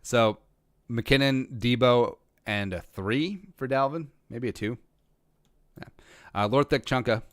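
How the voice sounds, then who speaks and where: Speaking slowly and pausing often in a medium-pitched voice, a rural Minnesota man reads viewer questions on his casual livestream. A podcast host answering live chat, he rambles, restarts often and shows dry, self-aware humor. There's no room sound.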